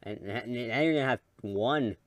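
A man reading out a weary old male professor in a fan-made game, in a slow, tired voice. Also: medium pitch, no room sound, lightly acted.

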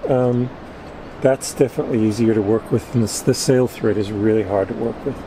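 A fiftysomething sailor explains, one step at a time, how he fixes something on his anchored boat while his hands stay busy. He speaks at a medium pitch and a fairly quick clip. The camera mic also picks up wind and outdoor sounds on the deck.

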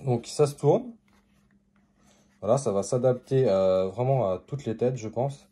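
A man's voice: medium pitch, measured pace, mellow, husky. A man hosting a casual unboxing video, talking hesitantly with many fillers and restarts, with an accent. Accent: non-native or regional French.

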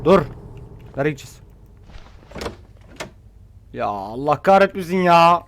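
A high-voiced man commentating a horror game in a jumpy, cursing way, his pitch swinging wildly between mutters and yelps. Faint hiss sits behind his voice. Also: animated, a little slow. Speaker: gameplay streamer. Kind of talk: scared gameplay commentary.

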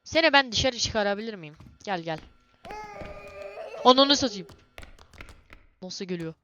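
A young woman doing let's-play commentary on a horror game, excitable and cursing, yelling at the monsters. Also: medium pitch, fairly quick, highs cut off. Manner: excitable, swears and yells at monsters. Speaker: gamer playing a horror game.

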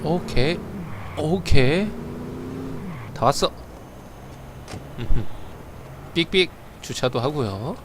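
A man doing playful live commentary on a driving game, stammering and repeating words, then bursting into loud flustered yelling. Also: on the high side, animated, extremely slow, long pauses, noisy background. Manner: playful, chatty, swings into loud flustered outbursts. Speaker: game streamer.

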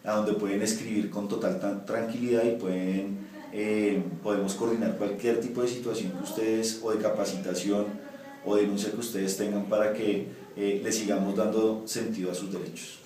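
A man's low-leaning, level, dark voice moves at a moderate pace. A municipal ombudsman in his thirties, he answers interview questions with frequent restarts and fillers. The echoey sound is picked up from far off in an office with window blinds.

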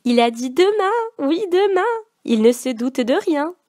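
A woman reading aloud puts on an excited little girl with a high, chirpy voice. She is bossy and eager, a storybook child who leads the way. The sound is close and dry. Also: measured pace, dry recording.

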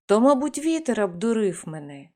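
A woman's voice: medium pitch, very animated, moderate pace, warm tone, lightly acted. A woman voicing a good-hearted old peasant grandfather in a storybook, speaking plainly and earnestly.

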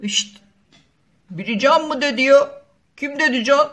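A woman's voice: sits high, measured pace, a bit bright. Woman doing a grumpy boy doll voice. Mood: grumbling. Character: young boy doll, easygoing, a bit grumpy.

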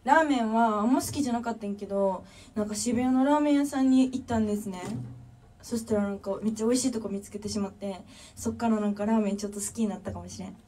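A woman's voice: fairly high pitch, fast, mellow, distant mic, a little hiss or hum. A young woman with a Kansai accent chatting casually on a livestream, reading viewer comments and thanking fans one by one. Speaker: drummer livestreamer.

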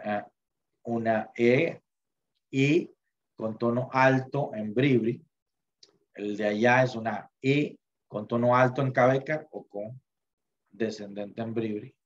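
Chatty teacher, muffled audio. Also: male voice, mid-range voice, a little slow, pauses often, a little hiss or hum. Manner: chatty, many fillers and restarts. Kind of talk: online class lecture.

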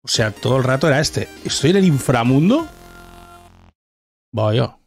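A man's voice: mid-range voice, lively intonation, a little slow. A man with a Castilian Spanish accent giving casual, sweary gameplay commentary, talking to himself as he plays. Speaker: gaming streamer. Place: small indoor streaming room. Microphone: boom-arm microphone close up. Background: video game music.

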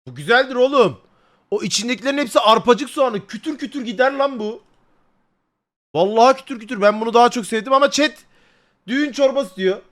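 Young male streamer, very high voice, loud, crude, jokey, swears a lot. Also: brisk. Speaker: livestreamer. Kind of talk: casual live stream chat with viewers.

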